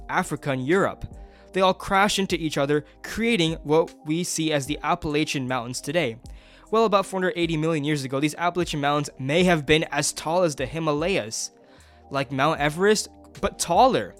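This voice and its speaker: Out on a mountain hike, a young travel vlogger enthusiastically explains geology and nature in an educational hiking vlog. His voice is fairly high with a fairly bright tone.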